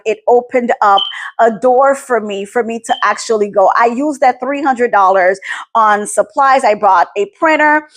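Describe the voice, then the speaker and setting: A woman in her forties sharing a personal faith testimony, emotional and close to tears, repeating words for emphasis. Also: fairly high pitch. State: teary, near crying. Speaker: podcast host. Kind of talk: personal testimony, casual talk.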